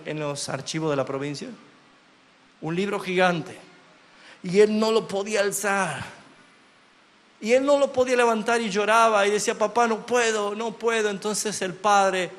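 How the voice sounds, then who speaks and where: A man preaching a sermon as pastor, swinging between loud proclamation and hushed, drawn-out phrases. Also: sits high. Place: church sanctuary. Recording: long church hall reverb.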